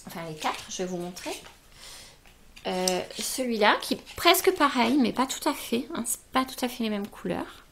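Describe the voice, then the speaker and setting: Gushing and exclamatory, this woman talks slowly and draws out her words as she casually unboxes beauty gifts for her vlog. Her fairly high voice is expressive, creaky and a bit bright, with slight background noise.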